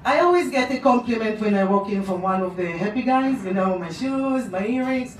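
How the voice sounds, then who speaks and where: A middle-aged woman, Polish-born with an Israeli accent, recounts a personal story live on stage in a little high, fairly quick voice. She's animated and gesturing, and the audience laughs along in the small, dark room. Picked up by a handheld mic on a stand and a distant camera, the sound is noisy, roomy and far away.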